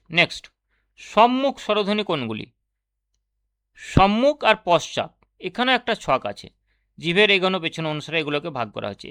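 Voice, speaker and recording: A man's voice: fairly high pitch, sharp tone, smooth. A man teaching Bengali grammar for a teacher exam, explaining step by step and asking and answering his own questions. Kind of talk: online exam-prep lesson.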